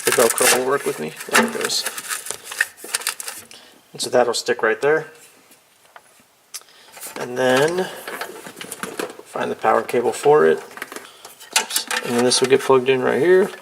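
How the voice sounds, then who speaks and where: A DIY video presenter walks through a hands-on how-to in an informal, offhand way, as if thinking aloud while he works. His mid-range voice keeps a measured pace with long pauses, and the clear recording picks up background noise and clicks of handling.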